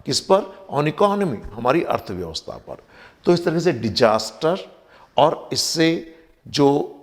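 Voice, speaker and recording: Slow-speaking Indian man teaching vocabulary. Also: mid-range voice. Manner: slow, deliberate, spells words letter by letter; mixes English terms into Hindi explanation. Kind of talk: recorded vocabulary lesson.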